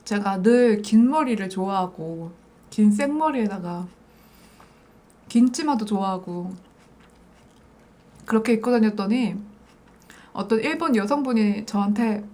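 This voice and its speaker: A woman's voice: medium pitch, unhurried, long pauses, dark tone. A woman from South Korea chats casually and playfully to viewers as the host of an eating show. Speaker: mukbang host.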